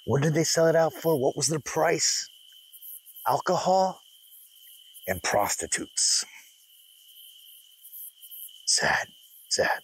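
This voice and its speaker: A man's voice: fairly high pitch, lively intonation, takes it slowly, pauses often, a bit bright, husky, low-quality recording. A middle-aged man vlogging a hiking trip, chatting in a folksy, easygoing way and telling stories as he drives. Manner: folksy storyteller, laughs often. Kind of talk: casual vlog chat. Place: car interior and outdoor trail. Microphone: camera mounted on dashboard. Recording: car road noise, from the mic.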